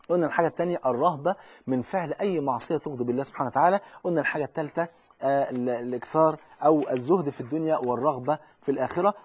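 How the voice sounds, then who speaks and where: A man preaching a sermon with an Egyptian Arabic accent, fervent, slowing into emphatic recitation when he quotes scripture. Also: fairly high pitch, slightly rough, dry recording. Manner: fervent, quoting hadith with slow emphatic recitation.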